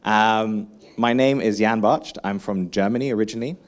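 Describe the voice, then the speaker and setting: A man giving a lively conference keynote, engaging the audience with questions and frequent asides. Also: lowish voice, normal speed. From England. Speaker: keynote speaker.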